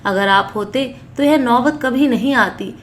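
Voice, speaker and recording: A woman's voice: fairly high pitch, measured pace, fairly bright tone, a little hiss or hum. A woman reading a tearful pleading old mother. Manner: begging, tearful. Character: pleading 60-year-old mother, timid and mistreated.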